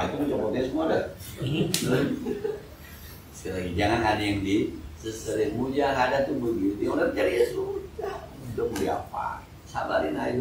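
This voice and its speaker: A man's voice: mid-range voice, background noise. A middle-aged man with a Betawi Jakarta accent gives a joking, slangy sermon, acting out everyday scenes. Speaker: preacher. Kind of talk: mosque study-circle sermon. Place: mosque hall. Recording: echoey hall, mic from far off.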